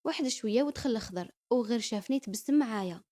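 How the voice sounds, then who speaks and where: Young Algerian woman narrator, quick lively first-person storytelling, slightly high voice. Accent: Algerian Arabic. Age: young adult.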